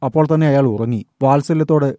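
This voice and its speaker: A man reading a newspaper short story aloud with calm, measured narration. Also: medium pitch, no echo, studio quality. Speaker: story reader.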